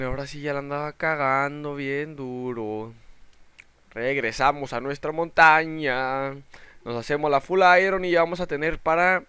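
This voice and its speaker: Young male gamer, excitable let's play commentary, smooth voice, dry close sound. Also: fairly high pitch, dry recording. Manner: excitable, shouts in panic at sudden dangers. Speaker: gaming channel host.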